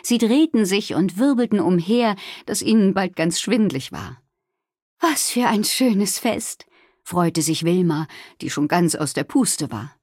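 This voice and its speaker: A woman narrating a children's story in a lively, expressive storytelling voice. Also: lowish voice, a little slow, few pauses, dry recording, studio quality. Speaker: audiobook reader.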